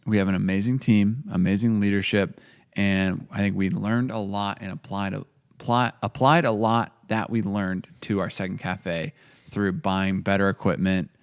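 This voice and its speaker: Man, gravelly low voice, rambling podcast co-host, acts out quotes. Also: steady tone, normal speed. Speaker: coffee company co-owner, podcast host. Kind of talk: casual business podcast chat.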